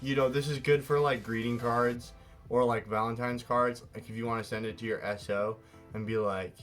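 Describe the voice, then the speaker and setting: A man's voice: mid-range voice, fairly even intonation, normal speed, soft background music. A man co-hosting a casual drawing tutorial, talking in a rambling, playful way and often correcting himself. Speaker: art show co-host.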